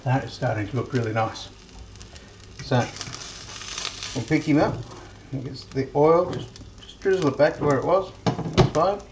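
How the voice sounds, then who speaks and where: In an echoey home kitchen filled with loud frying noise, a woman cooking vlogger gives a casual demonstration, chatting in a homely way over a sizzling pan. Her low voice moves at a moderate pace with long pauses, and the sound is lo-fi.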